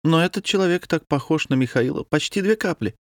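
A man reading a story, voicing a quick-tongued young woman who exclaims and teases. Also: on the high side, animated, no echo, studio quality, pitched above the performer's own voice. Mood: lively. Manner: exclaiming, teasing.

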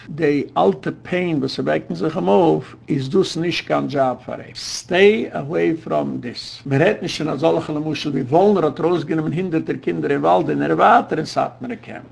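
A man's voice: fairly high pitch, vocal fry, husky. A man speaking as a rabbi, giving an earnest lecture full of advice, with English words mixed into his speech.

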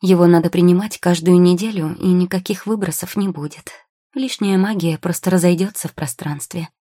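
A woman's voice: fairly low pitch, a little fast, dark tone, no room sound, clean studio sound, close to an everyday voice. A woman reading a storybook who voices a patient young potion-maker girl, soothing and practical.

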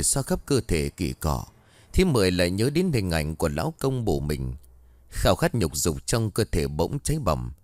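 A man reading a ghost story in a dramatic, expressive way. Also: low-pitched, no echo. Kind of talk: scripted ghost-story narration.

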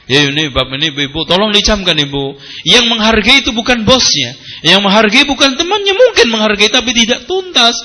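A man preaching an Islamic study lecture, animated and joking, jumping up high in pitch and acting out complaints. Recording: live audio of a study session.

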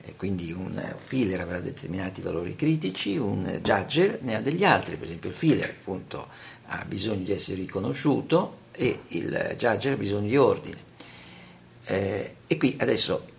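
A male lecturer with a low, gravelly voice whose pitch rises and falls in a lively way. He speaks in a measured manner, pausing often and filling gaps with hesitant "eh" sounds as he explains. Faint background ambience sits under his voice. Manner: measured, with frequent pauses and "eh" fillers. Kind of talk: spoken lecture.

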